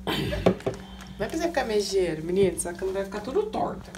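A woman's voice: mid-range voice, big pitch swings, fairly quick, over music. A young Brazilian woman chatting casually to her viewers in a home vlog, speaking Portuguese with a Brazilian accent. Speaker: vlogger. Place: home, indoors.

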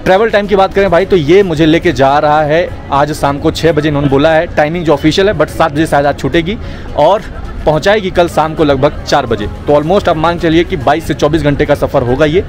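This young Indian vlogger has a slightly high, brisk voice and chats freely with his audience, calling them brother. He records outside at a busy railway station on an arm's-length camera, with crowd sounds and music behind him.

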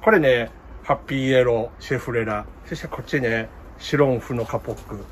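A man's voice: medium pitch, fairly quick, a little hiss or hum. A middle-aged man with a Kumamoto dialect, chatting casually in a plant vlog and laughing at himself. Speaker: plant shop owner.

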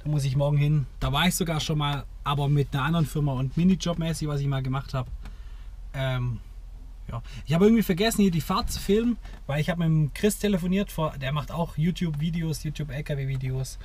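A man's voice: on the high side, fairly even intonation, fairly quick. A man who drives trucks, recording a casual video diary of his working week from the road, chatty and blunt, cursing when something annoys him. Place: inside a truck cab and around depots. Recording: loud road and engine noise.

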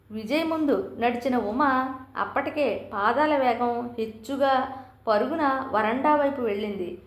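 Woman narrating a novel, roomy echo. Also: fairly high pitch. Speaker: audiobook narrator.

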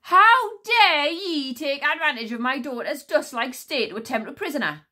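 Woman doing witch queen, fierce, sharp-tongued, storybook reading. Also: sits high, lively intonation, normal speed, voice pushed up. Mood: outraged. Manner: sharp and scolding.

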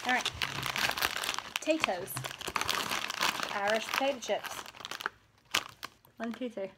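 Upbeat mom with a higher voice. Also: female voice, takes it slowly. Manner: upbeat, reads snack notes aloud. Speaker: mother and co-host. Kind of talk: casual family snack-tasting vlog. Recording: loud background noise on a home video.

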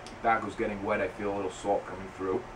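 A man reviewing a cigar, musing slowly and thinking aloud with a cigar in his mouth. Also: on the low side, flat delivery. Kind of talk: casual solo review. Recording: distant mic with air conditioning hum.

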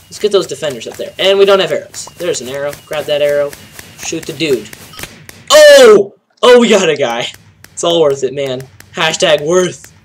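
A young man with a stuffy, nasal voice casually commentating a game, joking around and shouting bursts of excitement at the action. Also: fairly high pitch, moderate pace, a little hiss or hum. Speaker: gameplay commentator. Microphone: home desk mic.

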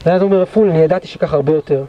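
A man leading a guided history tour, telling battle stories dramatically and acting out the shouts of those involved. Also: on the high side, a little hiss or hum. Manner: dramatic storyteller, acts out quoted shouts. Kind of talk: guided tour storytelling lecture. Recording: dull lo-fi recording.

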